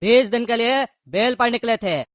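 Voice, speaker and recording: A man's voice: very high voice, moderate pace, dry recording, clean studio sound. A voice actor playing a hot-tempered male gangster in a cartoon, taunting and threatening. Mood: mocking. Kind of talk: cartoon voice acting.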